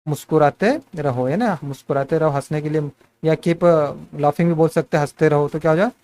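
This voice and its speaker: A man with a fairly high voice teaches spoken English, explaining each sentence in Hindi. He keeps asking what a line will become and calls his viewers friends as he steps through examples. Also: fairly even intonation, brisk, a little mellow. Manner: repetitive questioning, addresses viewers as friends.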